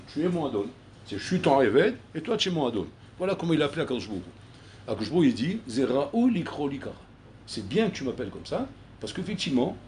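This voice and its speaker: A man, a rabbi, giving a recorded Torah class, animated and acting out dialogues between figures, mixing in Hebrew terms. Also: mid-range voice, a little hiss or hum.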